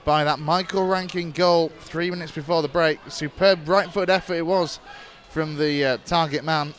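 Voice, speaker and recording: A man calling live football play-by-play for an internet club radio stream, brisk and steady, rising sharply when a chance comes. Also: a little high. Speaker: football commentator.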